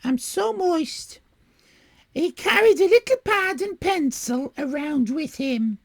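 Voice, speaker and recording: A woman voicing a tearful, sobbing lady witness in a melodramatic read-aloud story, with a squawky, quavering high voice. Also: animated, slow pace, no room sound, clean studio sound, exaggerated voice. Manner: melodramatic, sobbing between phrases.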